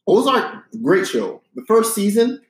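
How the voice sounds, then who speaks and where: Young male co-host, lightly high voice, casual delivery, very roomy sound. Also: very animated, measured pace. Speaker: podcast co-host. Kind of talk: casual chat. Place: basement, indoors. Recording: echoey basement room.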